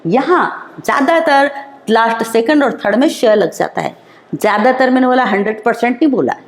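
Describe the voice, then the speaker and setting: A woman teacher, explaining slowly and repeating each example in an online class lesson. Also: a little high, lively intonation. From India. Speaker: school teacher. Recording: roomy echo.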